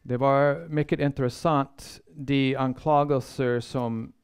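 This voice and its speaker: A man delivers a sermon-style Bible lecture in a measured, earnest way, with frequent pauses and restarted phrases. His voice sits in an ordinary middle register and sounds smooth and resonant. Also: medium pitch, steady tone. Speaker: Bible seminar speaker.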